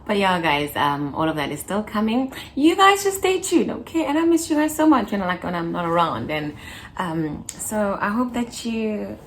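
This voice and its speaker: A woman's voice: medium pitch, big pitch swings, moderate pace, a little hiss or hum. Chatty young woman vlogging to camera. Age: 20s. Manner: chatty, playful, laughs and sings snippets. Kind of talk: casual chat to camera.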